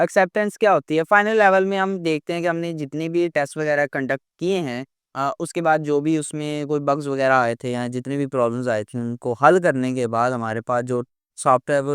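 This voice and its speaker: Man lecturing, crisp dry voice. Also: medium pitch, fairly bright tone, no echo. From Pakistan. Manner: frequent "uh" fillers and restarts, mixing in English terms. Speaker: teacher.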